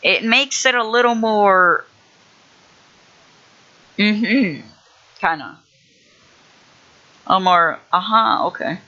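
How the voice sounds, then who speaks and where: A man's voice: sits high, extremely slow, long pauses, pushed and bright, muffled recording. Young man rambling while building a level. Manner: rambling, hesitant, lots of fillers and restarts. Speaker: livestreamer building a game level. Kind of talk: casual thinking-aloud livestream.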